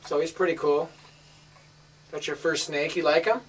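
Low-voiced woman hosting a home video. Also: steady tone, normal speed. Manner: upbeat, coaxing the children on camera. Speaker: host showing a family snake collection. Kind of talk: casual home video chat. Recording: distant home camera audio, light hiss.

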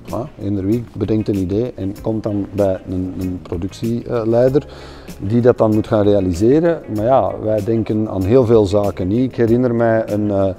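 A middle-aged man with a Flemish accent, hosting a documentary about event design in a relaxed, conversational manner. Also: on the low side, moderate pace, faint music behind. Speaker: event designer, series host. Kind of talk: documentary interview and narration.

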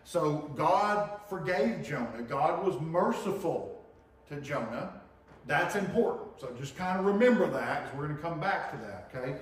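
Middle-aged guy preaching, chatty teaching style, a bit high voice, heard from far off in a big echoey church. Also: animated, unhurried. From Tennessee, US. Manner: conversational teaching, frequent "okay?" and "right?" checks. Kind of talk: sermon. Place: church sanctuary with projector screen. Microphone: room mic from far camera.

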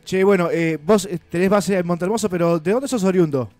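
A man's voice: high voice, brisk, a little mellow, dry recording, soft background music. A middle-aged Argentine man co-hosting a casual radio interview in the studio, asking easygoing questions. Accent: Argentine Spanish. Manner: friendly, asks questions casually. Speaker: radio host. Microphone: studio mic with headphones.

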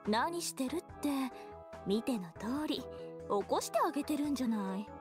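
Natsumi, high-voiced flirty anime temptress. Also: female voice, lively intonation, a little slow, over music. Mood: flirty teasing. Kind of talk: Japanese visual novel voice acting.

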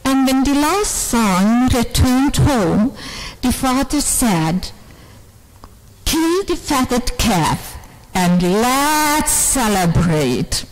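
Addressing a women's conference in a large hall, an older Serbian woman shares her story in earnest, non-native English. Her voice is a little high, and she speaks at a lectern into a microphone mounted on a stand.

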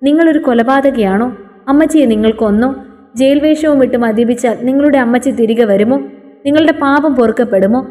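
A woman's voice: high voice, brisk, warm tone, natural voice. Woman reading as a devout young woman. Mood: shocked. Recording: long reverberant echo.

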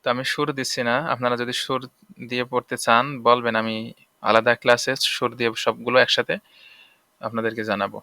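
A man with a Bangladeshi Bengali accent teaches an online lesson on reading Arabic letters. His voice is bright and clear, and the recording is dry and close. He drills the letter sounds slowly and checks in with his listeners. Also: medium pitch, level tone, dry recording. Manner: asks "okay?" to check understanding. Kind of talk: spoken lesson.

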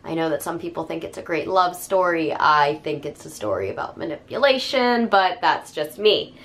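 A woman's voice: low voice, lively intonation, moderate pace, a bit bright. A young woman with a cold, talking enthusiastically in a casual book review vlog, with many fillers. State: hoarse from a cold.

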